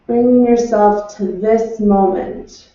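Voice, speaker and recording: A woman leading a guided meditation, speaking in slow, soothing, unhurried instructions from far off in an echoing room. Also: mid-range voice, fairly even intonation, dark tone. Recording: distant, echoey and dull.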